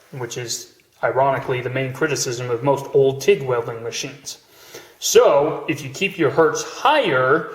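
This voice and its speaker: A man's voice: medium pitch, reverberant, low-quality recording. A man giving an informal hands-on welding tutorial, explaining each step casually, with machine noise behind him. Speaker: welding instructor. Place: room or workshop beside welding machine. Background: steady welding machine noise.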